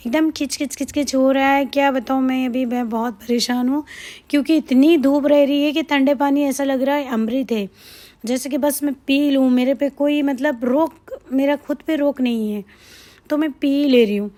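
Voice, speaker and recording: A woman with a hoarse throat from a cold, rambling chattily in a casual vlog voice-over. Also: high voice, steady tone, moderate pace, dark tone. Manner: chatty, rambling, repeats herself. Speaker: shopping vlogger.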